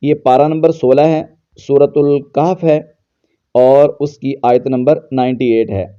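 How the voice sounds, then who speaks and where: A man teaching Quran pronunciation, explaining patiently and slowly chanting verses as examples. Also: mid-range voice, fairly even intonation, mellow, clear, resonant tone, highs cut off. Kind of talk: tajweed lesson with recitation.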